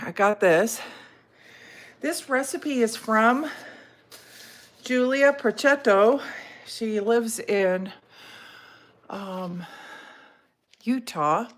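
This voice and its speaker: A woman vlogging from her home kitchen, chatting casually and rambling with self-deprecating asides as she cooks. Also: mid-range voice. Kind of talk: casual live cooking chat. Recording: roomy, distant kitchen sound with faint noise.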